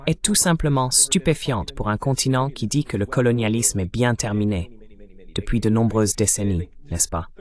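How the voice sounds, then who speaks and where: A man hosting an interview who talks in a conversational way and adds side remarks. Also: lowish voice.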